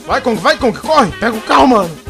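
A young man with a Brazilian Portuguese accent giving excited, slangy let's-play commentary and shouting at the screen. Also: extremely high pitch, a little fast, vocal fry. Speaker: gaming youtuber. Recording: game music playing under voice.

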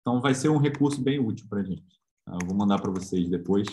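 A man with a Brazilian Portuguese accent giving an informal online physics lecture. He talks in a relaxed, conversational way, with frequent tag questions and hesitations. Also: fairly low pitch, fast, slight background noise.

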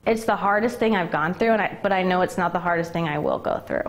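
A woman's voice: fairly low pitch, fast. A young woman in her twenties, a former college basketball player, speaking candidly and emotionally in an interview, with lots of "like" and "um". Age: 20s. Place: indoor gym locker room.

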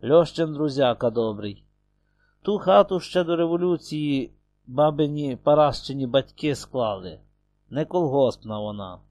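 A man's voice: mid-range voice, lively intonation, unhurried, darkish tone, no echo. A man doing a firm village accordionist.

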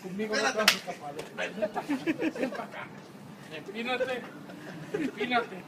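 A man's voice: extremely high pitch, expressive, measured pace, distant mic. A young man joking and egging on his friends in a motel parking lot at night, recorded on a phone. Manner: laughing, calling friends over. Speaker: friend among a band group. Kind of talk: rowdy teasing banter. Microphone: phone camera nearby. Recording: phone video with loud crowd and noise.

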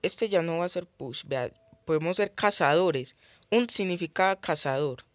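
A man's voice: fairly high pitch, unhurried, dry recording. Chatty man commenting on a game. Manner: chatty, thinks aloud, easily startled. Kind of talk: casual gameplay commentary.

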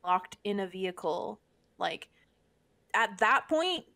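A woman's voice: medium pitch, expressive, takes it slowly, pushed and bright. A woman co-hosting a casual podcast chat. She talks bluntly and with lots of animation. She swears and jokes freely as she sounds off. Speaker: podcast co-host.

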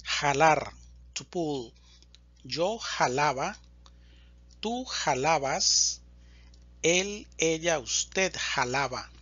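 Man, Spanish teacher, conjugation drill, very slow, husky edge, dry close sound. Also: on the high side, lively intonation, bright, forceful tone, no room sound, dull audio. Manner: deliberate, enunciates each word.

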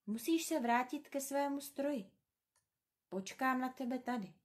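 A woman reading as a gentle little prince. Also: sits high, natural voice. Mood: quiet earnest.

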